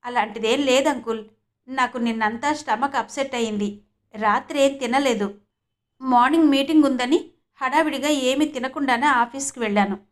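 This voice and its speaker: A woman voicing a patient young husband who explains things calmly and reassures, in an audiobook reading. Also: sits high, moderate pace, close to an everyday voice. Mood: explaining. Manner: calm, reassuring.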